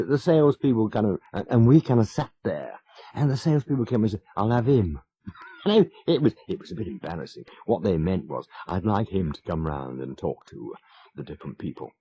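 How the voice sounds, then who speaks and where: Man, fifties, radio presenter, wry storyteller, lively up-and-down delivery, mellow tone. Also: deep voice. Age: 50s. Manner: wry, self-mocking storyteller with chuckles. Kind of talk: anecdotal radio chat. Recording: muffled old radio broadcast.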